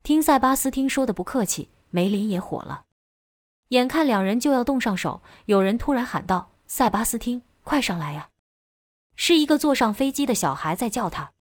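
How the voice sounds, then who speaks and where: A woman's voice: on the high side, expressive, a little fast, no room sound. Woman narrating a novel, dry close sound.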